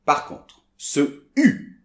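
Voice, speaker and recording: A French man teaching French pronunciation, explaining sounds and repeating them slowly for learners. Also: roomy sound. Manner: demonstrates sounds, repeats them slowly, often asks d'accord.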